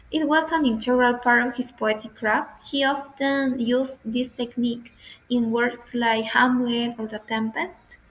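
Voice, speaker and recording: A woman presents a class slideshow. She reads her prepared script slowly and carefully, and her voice sits a little high. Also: low-quality recording. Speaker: student presenter.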